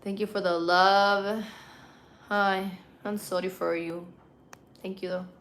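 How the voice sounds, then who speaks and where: A woman's voice: medium pitch, level tone, takes it slowly, fairly bright tone, slight background noise. A woman with a Puerto Rican accent hosting a casual live stream, chatting with viewers in an informal, slangy, playful way. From Puerto Rico. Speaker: livestream host.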